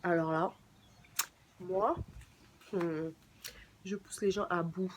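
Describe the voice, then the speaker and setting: A young woman vlogging casually to camera in a chatty, playful way, with sudden leaps up in pitch. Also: steady tone, takes it slowly, a little hiss or hum.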